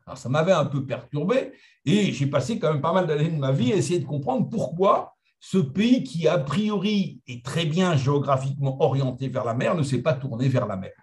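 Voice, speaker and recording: Animated French man giving a lecture. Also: on the high side, moderate pace. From France. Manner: animated, conversational lecturing with asides and humor. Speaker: guest speaker. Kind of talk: lecture to historians.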